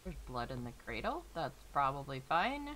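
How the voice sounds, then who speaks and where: American female streamer, expressive and sweary, casual game commentary with a lively range, some background noise. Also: extremely low pitch, moderate pace, rough recording. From United States. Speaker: streamer playing a horror game.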